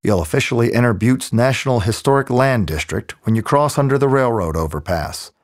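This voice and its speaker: A man narrating a scripted audio tour in the smooth, measured, clearly articulated manner of a museum guide. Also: mid-range voice, expressive. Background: background music.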